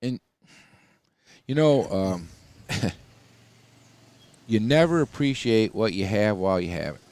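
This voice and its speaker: A man's voice: lowish voice, expressive, slow, a little mellow. A man who owns a hunting dog kennel, telling stories in a folksy, rambling way full of fillers, recorded for a podcast. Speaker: coonhound kennel owner. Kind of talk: casual storytelling.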